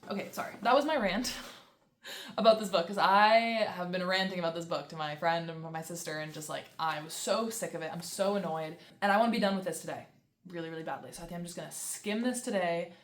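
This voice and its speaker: A young woman vlogging a casual book review, ranting in an exasperated way with lots of fillers. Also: mid-range voice. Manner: exasperated, fast, with many fillers and sarcastic quoted asides. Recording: echoey room.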